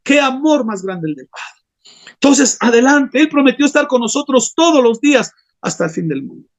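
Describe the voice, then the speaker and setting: High-voiced man preaching a sermon. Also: very animated, normal speed. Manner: impassioned, keeps addressing the congregation as brothers. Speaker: pastor.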